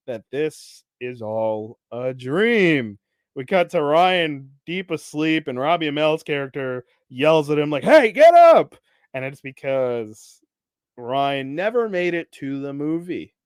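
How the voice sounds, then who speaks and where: A young man hosts a podcast, casually recapping TV episodes in a slow, clear, resonant voice. He laughs often and acts out characters' lines with animated jumps in pitch and loudness. The studio-quality recording has no room sound.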